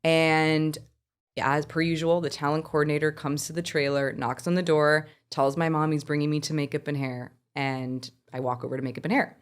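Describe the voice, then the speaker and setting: A woman with a slightly low voice recounts a personal story as a podcast guest. She talks candidly and with animation, slipping into quoted voices and swearing freely. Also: level tone, normal speed, smooth.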